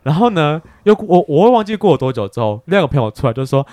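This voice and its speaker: Fast animated man. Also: fairly high pitch, no echo. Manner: animated, stammering restarts, laughs a lot. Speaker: podcast co-host. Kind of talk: casual chat, telling a drinking story.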